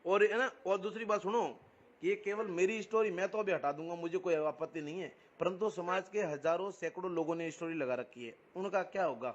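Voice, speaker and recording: This high-pitched, brisk man is a Rajasthani community activist in an argumentative phone conversation. He explains insistently and keeps repeating phrases, speaking with a Rajasthani accent. The call recording sounds muffled and lo-fi.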